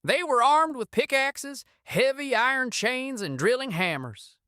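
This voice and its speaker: A woman's voice: high-pitched, lively intonation, a little slow, sharp tone, dry recording, studio quality. A woman narrating a frontier adventure story in an intense, scripted style.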